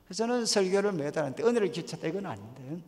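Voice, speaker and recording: A man preaches a sermon in a church, his voice pitched high and moving widely. He tells stories and acts out quotes with sudden loud bursts. A long reverb trails behind his words. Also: racing, a little hiss or hum. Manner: animated storytelling, acting out quotes with sudden loud rises. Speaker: guest preacher at a revival meeting. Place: church sanctuary.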